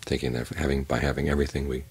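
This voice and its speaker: An older man, a Buddhist monk, giving a calm, measured evening Dhamma talk with unhurried pauses and a husky voice. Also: rumbling low.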